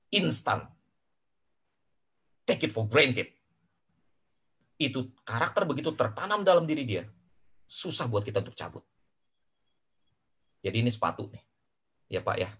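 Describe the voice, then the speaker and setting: A man coaching a parents' group in a lively question-and-answer session, emphatic and repeating his key phrases, dropping English phrases into his talk. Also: medium pitch, moderate pace, long pauses, husky.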